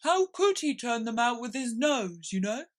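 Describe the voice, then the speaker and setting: A melancholy storybook turtle creature, speaks in a raised, swooping voice. The words are stretched out and plaintive, as if the creature is easily hurt. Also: female voice, fairly high pitch, very animated, normal speed, voice pushed up. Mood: persistent, confused.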